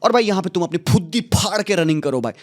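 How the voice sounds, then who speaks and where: A fired-up young man breaks down football tactics in a heated, exasperated rant. His voice sits a little high, and he keeps slipping into English and crude slang as he hammers each point. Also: lively intonation, fast. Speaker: football channel host.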